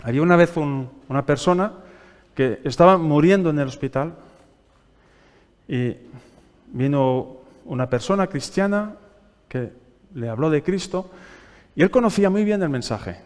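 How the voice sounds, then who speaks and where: Spanish preacher in a reverberant church hall. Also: male voice, fairly high pitch, expressive, measured pace, long pauses, darkish tone. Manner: teaching by asking the congregation questions; reads scripture aloud, raising his voice for quoted pleas. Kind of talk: sermon.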